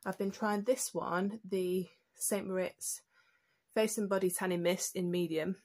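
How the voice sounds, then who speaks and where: A woman's voice: mid-range voice, steady tone, a little slow, a little mellow. A young British woman with a slightly stuffy nose chats casually through her skincare routine at home, with plenty of ums and restarts. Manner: chatty, many ums and restarts. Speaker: beauty vlogger.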